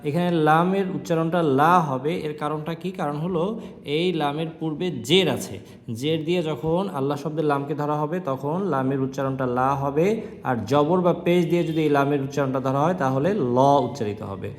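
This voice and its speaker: A man teaching a Quran lesson, spelling out each word letter by letter and then reciting it slowly and drawn out, with quick explanations in between. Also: fairly high pitch. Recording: long hall reverb.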